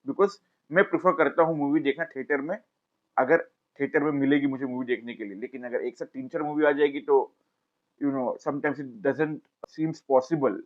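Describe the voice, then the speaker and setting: A man's voice: fairly high pitch, lo-fi sound. A man giving a casual film review, talking straight to his viewers. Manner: chatty, addresses viewers directly, pleads to subscribe. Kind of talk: casual video review narration.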